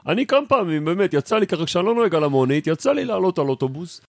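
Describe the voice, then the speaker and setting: A man playing a chatty, griping taxi driver in comic banter, conversational and halting as he repeats himself. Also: high-pitched, very animated, gravelly, no room sound, clean studio sound, heavily acted. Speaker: taxi driver character in comedic chat. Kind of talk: improvised comic character banter.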